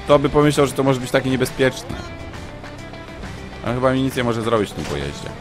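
A man commenting live on his own gameplay, muttering to himself and breaking into shouts and yelps when things go wrong. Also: mid-range voice, a little fast, over music. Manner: excitable, shouts and yelps when under fire. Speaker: gaming streamer.

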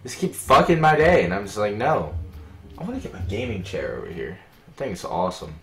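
Swearing young man gaming, animated. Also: lowish voice, brisk, soft background music. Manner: swears often, bursts into loud outbursts. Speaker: let's play gamer. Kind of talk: casual gameplay commentary. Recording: echoey room.

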